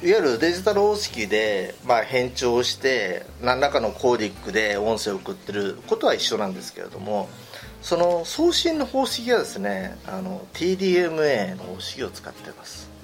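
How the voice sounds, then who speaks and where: Male expert guest, patient technical explainer, lots of fillers, very animated intonation. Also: mid-range voice, brisk, faint music behind.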